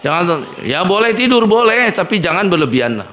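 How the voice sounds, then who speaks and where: Man, middle-aged, school head giving students stern, repetitive advice, higher-pitched voice. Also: very animated, fairly quick, fairly bright tone, a little hiss or hum. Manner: firm, repetitive admonishing with frequent "ya". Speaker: head of an Islamic boarding school.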